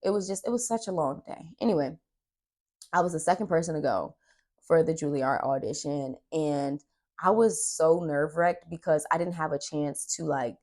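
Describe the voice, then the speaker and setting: A young woman vlogging in a casual storytelling way, her voice sitting low. She is chatty and keeps acting out what people said to her. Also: normal speed, darkish tone. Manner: chatty, retells dialogue with "I was like".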